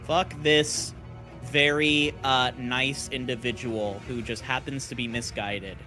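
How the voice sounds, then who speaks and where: A man's voice: mid-range voice, steady tone, slow, bright, forceful tone. A man talking casually as a player in a tabletop game session, thinking aloud as he works out rules and dice. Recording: music playing behind the voice.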